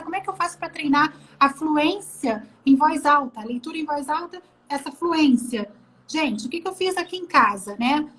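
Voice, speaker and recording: A woman with a Brazilian Portuguese accent, a teacher hosting a casual live chat and telling quick, chatty stories. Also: sits high. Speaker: Portuguese teacher and channel host.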